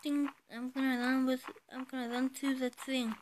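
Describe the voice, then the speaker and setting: A woman giving rambling, excitable commentary to herself while playing a flight game. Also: high voice, normal speed, slight background noise. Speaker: gameplay video creator. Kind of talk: casual gameplay commentary.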